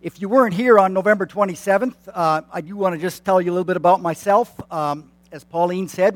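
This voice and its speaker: With a friendly, self-effacing manner, a church consultant in his late fifties runs through announcements for the congregation in a church sanctuary, leaning on fillers and restarting sentences often. His voice is high for a man, and the sound is dry and close with little room echo.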